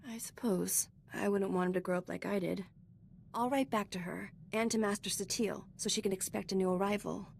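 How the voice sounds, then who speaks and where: An actress playing an earnest, reflective young female warrior in a video game, speaking hopefully in a mid-pitched voice. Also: steady tone, brisk, creaky, slight background noise, natural voice.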